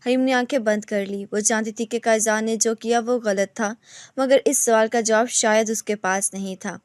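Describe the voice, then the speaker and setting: A woman reading a romantic novel aloud in steady scripted narration. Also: a little high, dry recording, clean studio sound.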